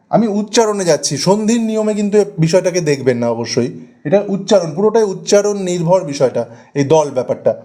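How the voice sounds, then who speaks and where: A man teaching a grammar lesson for exam preparation, speaking slowly and deliberately, repeating and stretching out example words, with a West Bengal Bengali accent. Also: high-pitched, warm tone.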